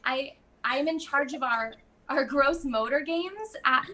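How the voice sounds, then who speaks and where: A woman guest in casual conversation, chatty and quick to laugh, with lots of fillers. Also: sits high, pushed and bright. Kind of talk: casual chat.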